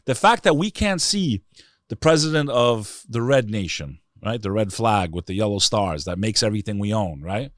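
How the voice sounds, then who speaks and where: A middle-aged man from the New York City area, appearing as an interview guest, gives impassioned opinions and personal stories, earnest and emphatic, with rhetorical questions. His lowish voice has lively intonation and a moderate pace. The recording is dry, with clean studio sound.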